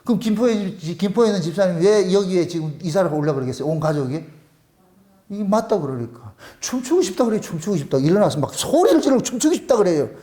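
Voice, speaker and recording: Animated Gyeongsang-accented male pastor. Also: sits high, fast talker. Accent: Gyeongsang dialect. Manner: animated, colloquial preaching full of rhetorical questions. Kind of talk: sermon.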